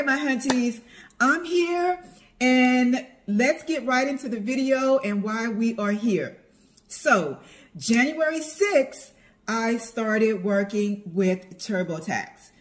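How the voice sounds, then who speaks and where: A middle-aged woman chatting casually to her followers in a vlog, drawing out words for emphasis as she tells her story. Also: fairly high pitch. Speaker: vlogger, tax preparer.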